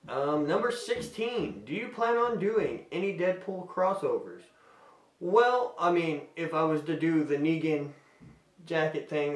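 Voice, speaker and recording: A man's voice: a little high, distant mic. A man answering fan questions in a casual, rambling way, often breaking off mid-sentence. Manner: rambling, self-interrupting, friendly. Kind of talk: casual Q&A vlog. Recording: roomy and off-mic.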